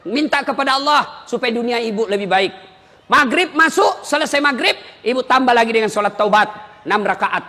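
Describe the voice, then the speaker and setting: A man preaching a sermon in an animated, joking style, with sudden shouts. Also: sits high. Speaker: Islamic preacher. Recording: long hall reverb.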